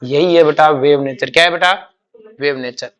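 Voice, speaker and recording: A man's voice: fairly high pitch, fairly bright tone, muffled recording. A man teaching a chemistry class, explaining with homely examples and often asking students to repeat key words. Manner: asks quick check questions and repeats key words; calls students "beta", uses homely examples. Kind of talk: classroom lecture.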